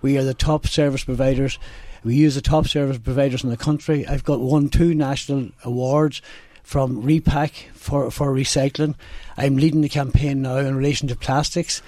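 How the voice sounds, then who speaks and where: A man with a Donegal Irish accent, a local election candidate answering in a radio interview, halting and often repeating himself. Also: mid-range voice, level tone, dark tone, no echo. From Donegal, Ireland. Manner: halting, repetitive delivery. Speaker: election candidate, independent councillor. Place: radio studio. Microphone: studio microphone.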